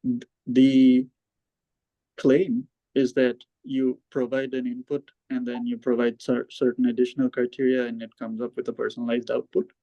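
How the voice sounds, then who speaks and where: A man, a PhD candidate, answers questions in a measured, halting way over a remote video call whose audio keeps breaking up. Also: mid-range voice, monotone, warm tone, no room sound. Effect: choppy, breaking-up online call audio. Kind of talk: academic Q&A answer. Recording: dull, dry video call line.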